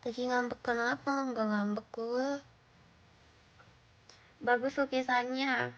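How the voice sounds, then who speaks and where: A woman's voice: fairly high pitch, steady tone, slow pace, muffled recording. A woman livestreamer chatting casually with viewers in a blunt, slangy, bantering manner.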